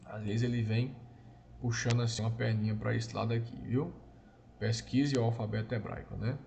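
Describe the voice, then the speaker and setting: A man teaching a lesson, explaining slowly and patiently and often checking in with his listeners. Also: mid-range voice, fairly even intonation, creaky, a little mellow, lo-fi sound, slight background noise. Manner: slow, patient explaining, often adds "né?" and "irmãos". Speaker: Hebrew teacher. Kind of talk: recorded online lesson.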